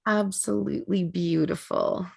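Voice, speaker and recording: A woman with a gravelly, creaky edge to her voice leads an energy work class over a video call. She talks in a chatty, rambling way, full of fillers and little laughs. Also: fairly low pitch, fairly even intonation, measured pace, a little mellow. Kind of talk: casual online class talk.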